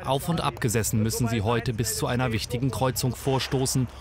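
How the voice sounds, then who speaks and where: A man's voice: medium pitch, steady tone, a little fast, crowd noise. A man reading scripted narration for a military documentary. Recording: voice-over with loud music bed.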